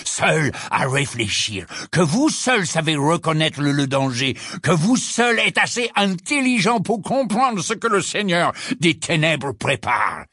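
A man's voice: on the high side, big pitch swings, a bit bright, dry recording, studio quality, pitched above the performer's own voice, heavily acted. Man voicing Phineas, a sneering old wizard portrait. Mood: scolding. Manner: slow sarcastic drawl, mocking asides. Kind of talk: audiobook character voice.

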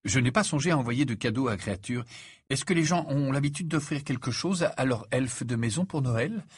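A man's voice: mid-range voice, animated, fairly quick, slightly rough, no echo, clean studio sound. A man reading aloud and voicing an earnest, curious teenage boy wizard in a storybook.

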